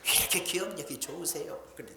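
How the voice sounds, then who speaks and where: A woman's voice: low-pitched, fast talker, gravelly, background noise. A woman preacher giving a sermon in a folksy, emphatic storytelling manner, with blunt everyday speech. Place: church sanctuary. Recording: echoey church hall.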